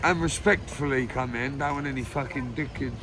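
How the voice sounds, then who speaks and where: A man's voice: mid-range voice, a little fast, noisy background. A homeless man chatting casually on the street, friendly and swearing now and then. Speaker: homeless interviewee. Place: outdoors on a street.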